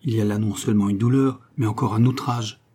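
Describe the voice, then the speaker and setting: A man's voice: fairly low pitch, steady tone, fast, mellow, husky. A man reading a storybook, voicing an anxious, earnest young writer who speaks with restraint. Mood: troubled.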